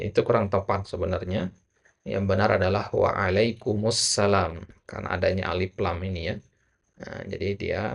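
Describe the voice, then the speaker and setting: Low gravelly guy teaching arabic conversation, says "ya" a lot, slow careful examples. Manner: fills pauses with frequent "ya"; models Arabic phrases slowly and drawn out. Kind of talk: conversation lesson.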